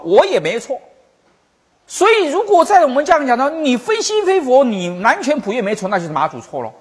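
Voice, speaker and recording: A Buddhist teacher gives a storytelling lesson with a very husky, breathy voice. The pitch swings widely as the speaker acts out the old masters and slowly repeats key phrases. The delivery stays instructive and patient. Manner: storytelling, acting out quoted masters. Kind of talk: Chan Buddhist teaching talk.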